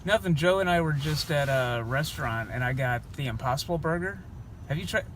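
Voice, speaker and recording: A man's voice: fairly high pitch, expressive, a little fast, slight background noise, close to an everyday voice. Man doing a son rambling on the phone. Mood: chatty. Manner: casual, rambling small talk. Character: grown man chatting on phone with parents. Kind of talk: self-recorded comic phone call.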